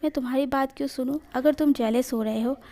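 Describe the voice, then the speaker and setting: A woman's voice: high-pitched, fairly even intonation, fast talker, dark tone. A woman voicing a playful, pouting young man who teases and chats, in a storybook reading.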